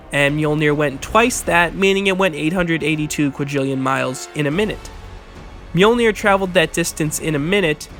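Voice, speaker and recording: A man's voice: sits high, a bit bright. A man delivering scripted rebuttal commentary in an argumentative, corrective, matter-of-fact way. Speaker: video essayist and commentator.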